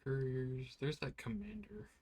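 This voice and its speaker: A man's expressive, medium-pitched voice, a little mellow and slightly rough, moves at a measured pace as he streams an online RPG. He yawns and sounds tired, offering loose, rambling gameplay chatter stuffed with "like."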